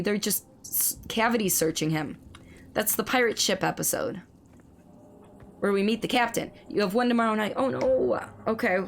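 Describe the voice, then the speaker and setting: A woman streaming a game keeps up live commentary and answers messages from chat. Her voice sits in the mid range and sounds slightly hoarse as it recovers, with slight background noise around it.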